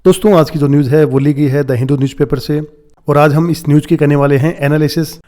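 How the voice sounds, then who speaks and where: Man, English teacher, explains in Hindi, mellow tone, reads English phrases slowly. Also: on the high side, fairly even intonation. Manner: slow deliberate reading of English phrases, then explaining. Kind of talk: explaining newspaper vocabulary in Hindi.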